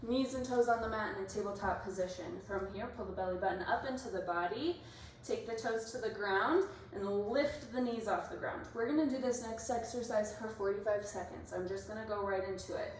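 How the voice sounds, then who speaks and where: Woman fitness instructor calling out moves n counts, short brisk commands, super echoey room, mic kinda far away. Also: mid-range voice. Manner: brisk, directive coaching in short imperative cues. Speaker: workout instructor. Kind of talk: exercise class coaching, cueing moves and counts. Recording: echoey room, distant mic, faint noise.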